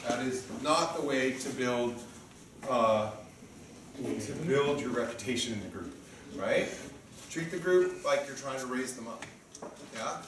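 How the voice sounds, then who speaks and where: A man in his fifties, organizer and referee of a sparring event, gives a group an informal coaching briefing, often checking in with short tag questions. His medium-pitched voice has lively intonation, a measured pace and long pauses, captured in an echoey, distant, noisy room recording.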